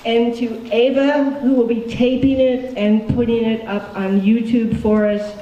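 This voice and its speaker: A woman's voice: fairly high pitch, level tone, a little slow, dark tone, far from the mic. Upbeat woman hosting a club meeting. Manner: upbeat, chatty, frequent ums. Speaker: branch meeting host. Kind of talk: casual meeting announcements. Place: meeting hall with audience. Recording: echoey hall, recorded from afar, audience noise.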